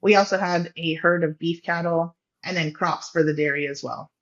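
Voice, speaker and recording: A woman's voice: lowish voice, fairly even intonation, normal speed. Chatty Californian farm woman on a call. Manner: friendly, chatty, laughs easily. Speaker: farm founder and guest. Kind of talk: casual podcast interview. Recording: slightly dull lo-fi sound.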